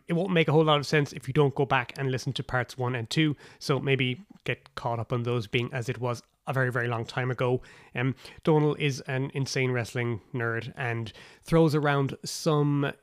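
A man's voice: medium pitch, steady tone, normal speed, no echo. Irish male podcast host, wry and conversational, recorded close and dry in a wooden cabin. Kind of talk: casual podcast introduction. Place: cabin in the woods.

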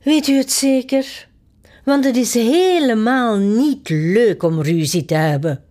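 A woman's voice: fairly high pitch, takes it slowly, mellow, pitched above the performer's own voice. A woman reading a storybook aloud and voicing a patient, weary male footman who explains things hesitantly.

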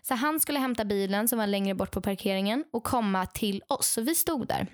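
A young adult woman casually telling stories to a friend, lively and acting out what others said, with many fillers. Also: mid-range voice, dry recording, studio quality. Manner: animated, acts out quoted dialogue; frequent fillers and restarts. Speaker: podcast co-host telling stories. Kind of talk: casual storytelling chat.

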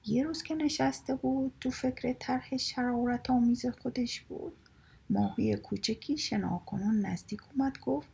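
A woman storyteller reads children's tales aloud, her narration soft and often dropping to a whisper. Her voice is mid-pitched, with a gravelly, husky, breathy texture and a dark, mellow tone.

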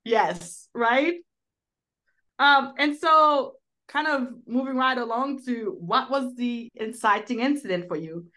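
Woman, podcast co-host, casual chat, rambling, lots of fillers, somewhat high pitch. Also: slow pace, bright, forceful tone. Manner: rambling, many fillers like "like" and "you know". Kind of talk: casual film review chat.

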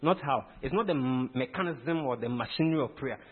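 A man's voice: mid-range voice, a little fast, husky. A man preaching a teaching sermon, emphatic and quizzing his listeners with questions. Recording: tinny phone-like sound.

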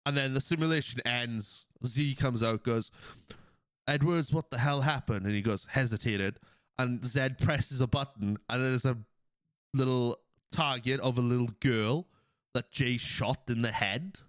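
Recorded cleanly in a studio without echo, this man's smooth mid-range voice moves at a measured pace. Hosting a podcast with a cold, he sniffles while casually retelling a movie scene by scene, acting out lines and laughing a lot.

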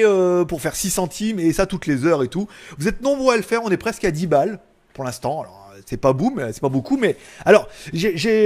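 High-voiced chatty man hosting a live stream. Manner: chatty, rambling, excitable. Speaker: live tech show host. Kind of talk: casual live-stream chat.

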